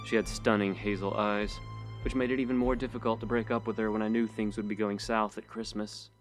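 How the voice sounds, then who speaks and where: A man narrating a short story in a steady, measured first-person reading. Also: fairly low pitch, soft background music. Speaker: audiobook narrator.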